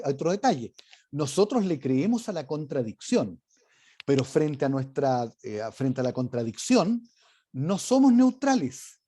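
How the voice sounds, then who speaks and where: A man's voice: mid-range voice, mellow, a little hiss or hum. A man teaching a leadership class online, talking emphatically and varying his intonation. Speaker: leadership course instructor. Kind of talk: online lecture.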